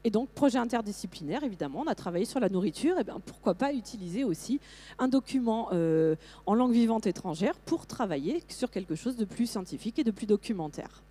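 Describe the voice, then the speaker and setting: A middle-aged woman giving a lively conference talk to teachers, with frequent fillers and restarts. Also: mid-range voice, fairly quick. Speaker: teacher trainer presenting to teachers.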